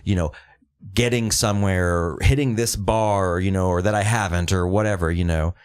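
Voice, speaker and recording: A man's voice: deep voice, fairly even intonation, moderate pace, clear, resonant tone. A man in casual podcast chat, reflective and laid-back.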